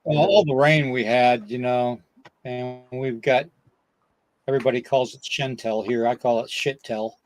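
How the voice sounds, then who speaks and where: A man's voice: mid-range voice, steady tone, moderate pace. An older man hosting a podcast in casual, folksy, rambling chat, slightly short of breath. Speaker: podcast host.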